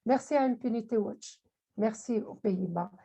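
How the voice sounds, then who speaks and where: A woman giving an emotional thank-you speech, halting and repeating words as she goes. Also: fairly high pitch, vocal fry, dark tone, husky. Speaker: panelist at online launch.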